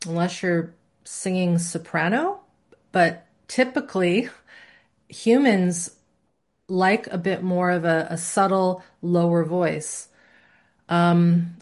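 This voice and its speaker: Lower-voiced woman teaching a live class. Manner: conversational, asks the class questions, demonstrates voices. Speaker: course instructor.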